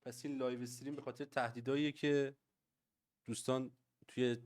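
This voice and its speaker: A man's voice: medium pitch, little pitch movement, a little mellow. A man reacting to a stream, breaking in with short, incredulous comments. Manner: incredulous asides.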